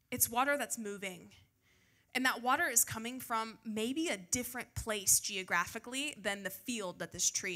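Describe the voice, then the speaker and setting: Holding a handheld microphone on a church stage, an American woman pastor delivers a conversational sermon to a seated youth group. She is informal and self-deprecating, reading scripture and tossing chatty questions to listeners. Her voice is slightly high, bright and pushed.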